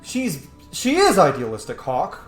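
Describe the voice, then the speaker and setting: A gamer hosting a roleplay playthrough talks casually through the game, musing and emphatic at a measured pace. His pitch swings hugely from phrase to phrase. The room is echoey, with faint music underneath.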